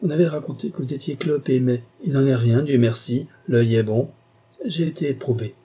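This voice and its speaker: A man playing a boisterous middle-aged country gentleman who speaks loudly and excitably. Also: mid-range voice, normal speed, slightly rough, pitched above the performer's own voice, close to an everyday voice. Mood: effusive. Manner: loud, excitable, exclaiming.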